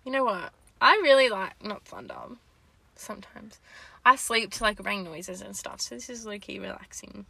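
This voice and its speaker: A woman's voice: mid-range voice, moderate pace, creaky, sharp tone, slightly rough, no echo. A woman co-hosting a casual advice chat, talking informally with slang and swearing. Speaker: podcast co-host.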